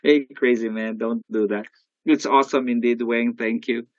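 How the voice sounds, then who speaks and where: An older man with a Filipino accent giving an animated motivational sales talk, often calling out to his audience. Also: mid-range voice, normal speed, no room sound, muffled recording. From Philippines. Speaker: sales coach.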